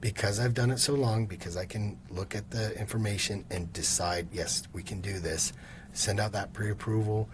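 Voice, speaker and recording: In a casual storytelling interview, a mortgage lender in his fifties recounts work stories, animatedly acting out what his customers said. His voice is fairly low and his pace moderate, with background noise present.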